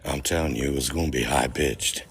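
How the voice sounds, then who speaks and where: A man's voice: extremely low pitch, brisk, a little hiss or hum. A man telling a story outdoors in a cemetery at night, joking, swearing and laughing often as he talks to his livestream audience. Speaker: paranormal vlogger.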